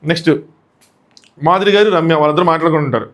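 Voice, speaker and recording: A man's voice: fairly high pitch, rapid-fire. A man with a Telugu accent recapping a reality show in a casual solo talk, acting out the contestants' lines in shifting voices. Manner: animated, acts out contestants' quotes in shifting voices. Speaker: show reviewer.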